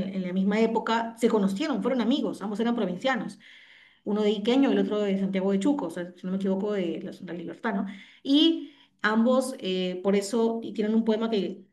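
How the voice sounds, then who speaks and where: A woman's voice: medium pitch, a little mellow. A woman literature teacher, explaining patiently over a video call and often checking in with tag questions. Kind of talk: online class explanation.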